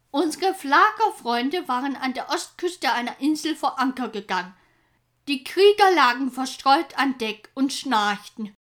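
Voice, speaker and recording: Female storybook narrator, lively and expressive, high voice.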